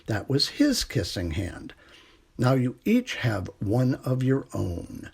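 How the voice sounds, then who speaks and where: A man acts out a mother raccoon in a children's storybook. She is tender and reassuring, speaking in a soothing way. The voice is mid-pitched and a little husky. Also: wildly swooping pitch, takes it slowly, full character voice. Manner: gentle, soothing, warm delivery.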